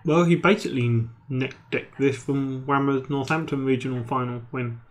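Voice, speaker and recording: A man's voice: medium pitch, fairly even intonation, normal speed. A man, co-commentating a card game match with dry, teasing banter. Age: 30s. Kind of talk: casual live match commentary.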